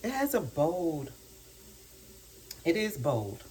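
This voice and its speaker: Speaking slowly in a low, sing-song voice, this home cook vlogger talks casually to her viewers and muses aloud while cooking in her home kitchen. The audio picks up a loud sizzle from frying in a pan, though the background noise is only slight.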